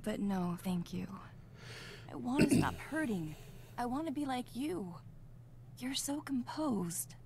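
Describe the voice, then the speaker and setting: A grieving young Jedi apprentice from a video game. Her voice is fairly high, soft and halting, sad and vulnerable, with noise in the recording. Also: expressive, creaky, exaggerated voice. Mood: tearful, tender. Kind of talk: video game dialogue acting.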